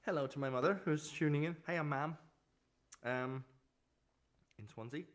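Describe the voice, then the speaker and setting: A man chatting casually on a live music stream from home, rattling off news softly and fast with plenty of ums and uhs. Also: on the high side. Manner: rapid, soft-spoken rambling with many fillers. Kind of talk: casual chat between songs. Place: home room, streaming online.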